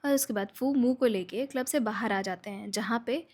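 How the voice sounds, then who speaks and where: A woman's voice: on the high side, moderate pace, darkish tone. A woman retelling a drama's plot in a casual storytelling voice, lifting her voice for the characters' lines. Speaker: drama recap narrator.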